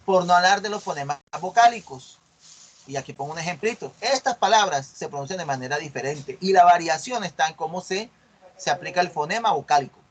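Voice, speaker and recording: A man, a university teacher explaining a lesson and checking understanding with frequent tag questions, drilling English words slowly and loudly in repetition. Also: a little high, expressive. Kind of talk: explanatory lecture on online class.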